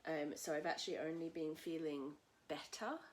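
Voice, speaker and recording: A woman hosting a casual knitting podcast from home, a little husky from a cold, chatting in a rambling way with many fillers. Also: sits low, fairly even intonation, normal speed. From England. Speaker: podcast host. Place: at home in a tiny house. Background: cockatoos calling outside.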